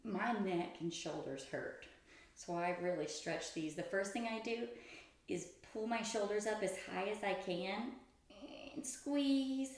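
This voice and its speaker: In a strongly reverberant room, a woman leads an exercise routine with casual instruction. Her pitch sits in the middle range for a woman. She is chatty and informal, a little self-deprecating as she guides each step. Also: a little slow. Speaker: host of a stretching routine video. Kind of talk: casual exercise instruction, talking through own stretches. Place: echoey room indoors.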